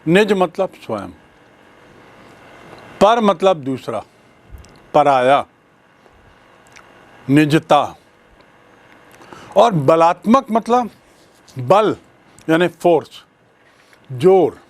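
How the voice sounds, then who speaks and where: Male grammar teacher, slightly high voice, very slow and deliberate, spells words out. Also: very animated. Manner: slow, deliberate explaining with spelled-out letters and examples. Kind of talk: bilingual classroom lecture.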